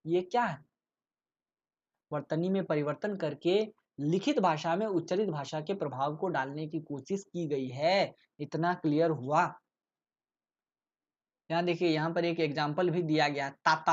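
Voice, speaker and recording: A man's voice: fairly high pitch, unhurried, muffled recording. A man giving a casual exam-prep lecture, explaining with rhetorical questions and frequent check-ins. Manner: explains with rhetorical questions, often adds "ठीक है". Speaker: tutor explaining exam topics.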